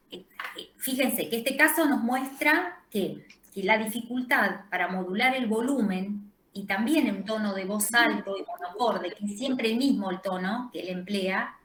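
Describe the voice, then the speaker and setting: A woman's voice: a little high, a bit bright, echoey room, rough recording. A woman lecturer with a Rioplatense Spanish accent giving an online class, explaining with frequent hesitations and fillers. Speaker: university lecturer.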